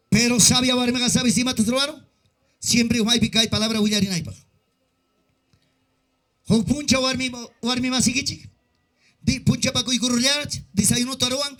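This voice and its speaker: Male pastor with an Andean Peruvian accent; high, piercing voice; impassioned sermon that swings from shouts to low tones. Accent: Peruvian Andean Spanish mixed with Quechua.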